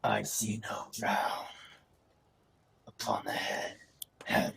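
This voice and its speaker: A man voicing a menacing undead guardian beast in a tabletop game, terse and forbidding, with a breathy, whispery voice. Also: fairly low pitch, very animated, takes it slowly, a bit bright, full character voice. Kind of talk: tabletop role-play in character.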